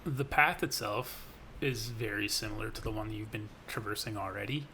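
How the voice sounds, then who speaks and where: A man narrating as game master of a tabletop role-playing game, describing scenes in a relaxed, descriptive way with some hesitations. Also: fairly low pitch, moderate pace, gravelly, slight background noise.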